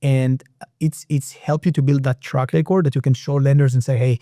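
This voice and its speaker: An Israeli man, a native Hebrew speaker with an Israeli accent, appears as a guest on a casual podcast interview, explaining lending as a private real estate lender. His voice is medium-pitched, steady, warm and a little fast, with frequent restarts. The recording is dry and studio quality.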